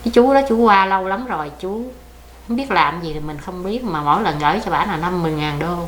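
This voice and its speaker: Speaking fast in a voice on the low side, an older Southern Vietnamese-accented woman recounts her life plaintively and at length for an oral history. The room echoes, and there's faint background noise.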